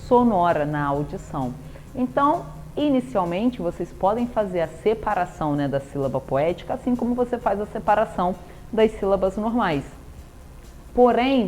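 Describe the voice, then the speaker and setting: A woman's voice: mid-range voice, darkish tone. Brazilian woman teaching literature. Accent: Brazilian Portuguese. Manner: explanatory, rhetorical questions, frequent "né?" tag. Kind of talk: recorded classroom lesson.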